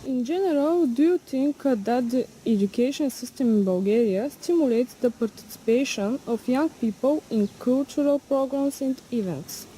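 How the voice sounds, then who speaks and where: High-pitched woman interviewer, dark tone. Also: normal speed, few pauses, a little hiss or hum, rough recording. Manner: reads questions with fillers. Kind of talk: reading interview questions.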